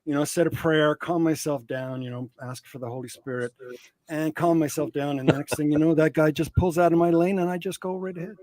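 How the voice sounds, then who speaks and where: A man's voice: fairly high pitch, steady tone, fairly quick, no echo. Earnest man with a raised voice. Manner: earnest, reflective, trails off quietly. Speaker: channel host. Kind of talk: casual chat.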